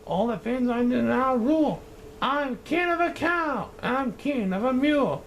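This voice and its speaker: A pompous little turtle king from a storybook bellows his commands in a high, swooping voice, with a man putting him on. The tone is bossy and full of himself, with a gravelly edge. There is a faint hiss of noise behind him. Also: lively intonation, measured pace, full character voice. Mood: boastful. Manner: shouting, grandiose, high and strained.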